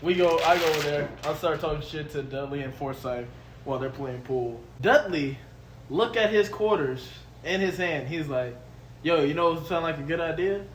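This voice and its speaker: A man's voice: a little high, moderate pace, roomy sound, slight background noise. A man co-hosting a casual podcast, telling a story animatedly with lots of swearing. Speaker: podcast co-host. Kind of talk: casual chat.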